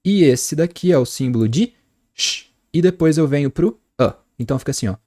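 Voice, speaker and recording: A man with a Brazilian accent, an English teacher in his thirties giving a lively online lesson and spelling out sounds slowly. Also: on the high side. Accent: Brazilian Portuguese.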